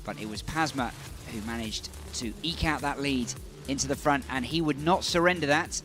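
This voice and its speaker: A man commentating on a motor race in a measured style, building emphasis on key moments. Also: mid-range voice, fairly bright tone, faint music behind.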